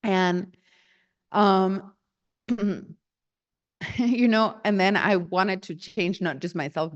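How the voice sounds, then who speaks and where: A woman's voice: lowish voice, highs cut off. A woman telling a personal story in a casual way, laughing often and acting out the dialogue she quotes.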